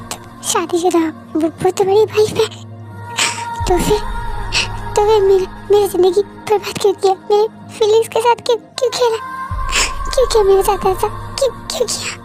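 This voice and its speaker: A woman's voice: very high-pitched, normal speed. A woman voicing a betrayed young woman who accuses and cries in a fan-dub audio drama. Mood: furious. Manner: accusing, tearful, shouting. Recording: music playing behind.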